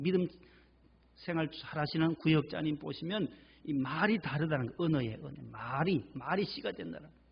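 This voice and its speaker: A man's voice: a little high, gravelly, muffled recording, slight background noise. A male pastor delivering a church sermon with emphatic preaching, repeating key words for stress. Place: church sanctuary.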